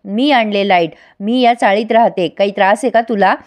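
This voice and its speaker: A woman voicing a bold woman neighbor who slowly and defiantly challenges some thugs, in a retold television serial. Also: mid-range voice, lightly acted.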